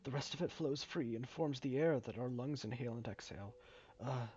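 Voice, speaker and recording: A man voicing a hesitant, polite male mine overseer in a video game, halting and rambling with many uhs. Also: mid-range voice, a little mellow, slight background noise, natural voice. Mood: explaining. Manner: halting, full of uhs and fumbling restarts. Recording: dull lo-fi recording.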